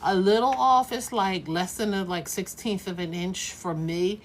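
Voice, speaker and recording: Chatty woman teaching quilting, lower voice. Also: unhurried, a little hiss or hum. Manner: chatty, reassuring, thinks aloud while working. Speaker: quilting instructor. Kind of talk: casual live tutorial.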